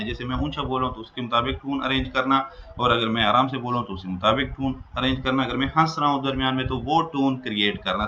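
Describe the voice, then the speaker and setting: A man's voice: mid-range voice, sharp tone, a little hiss or hum. A man giving a lecture, explaining slides and reading English definitions aloud. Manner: mixes English definitions read aloud into Hindi-Urdu explanation. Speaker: teacher. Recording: dull lo-fi sound, faint ambience.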